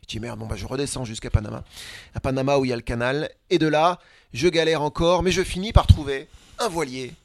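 Male guest, chatty storyteller, middle-pitched voice, dry close recording. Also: vocal fry, no room sound. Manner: lively, lists places in quick runs. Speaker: guest, traveler and speaker. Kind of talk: conversational storytelling.

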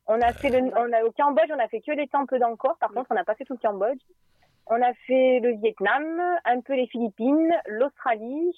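A woman from Grenoble, France, calling in on speakerphone and chatting casually as a travelling guest, lively and restarting her sentences. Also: fairly high pitch, moderate pace, no echo. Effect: speakerphone phone line. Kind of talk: casual phone chat. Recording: tinny dry phone line.

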